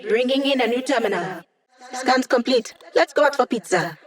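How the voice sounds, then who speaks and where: A woman's voice: high voice, lively intonation, normal speed. A woman voicing a playful young female hacker in a video game, with a casual, wry, teasing manner. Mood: focused, brisk.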